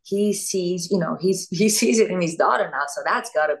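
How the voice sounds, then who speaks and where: A woman from Italy, an actress talking as an interview guest, thoughtful and animated, often searching for words. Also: on the low side, normal speed, creaky. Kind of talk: casual interview chat.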